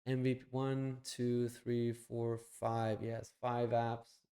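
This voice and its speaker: A man's voice: medium pitch, monotone, takes it slowly, warm tone. Blunt, swearing man chatting on stream. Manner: blunt and profane, thinking aloud while clicking around. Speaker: live streamer. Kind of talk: casual live stream chat.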